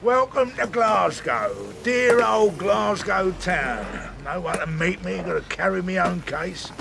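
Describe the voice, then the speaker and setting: An actor playing a fat, selfish, sarcastic older police chief inspector in a radio comedy drama. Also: male voice, sits high, slow pace, noisy background, exaggerated voice. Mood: grumbling. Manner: gruff, sarcastic, grumbling.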